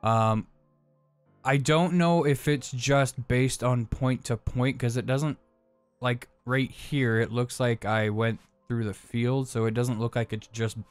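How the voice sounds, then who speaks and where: A man's voice: medium pitch, fairly even intonation, slow pace, smooth, no room sound, faint music behind. A young man co-hosting a let's play, chatting casually and rambling, swearing freely and joking as he plays. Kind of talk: casual gameplay chat.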